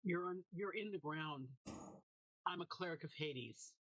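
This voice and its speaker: A man's voice: on the high side, unhurried, a bit bright, poor audio. A man playing a tabletop game, casually speaking for a character. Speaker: player.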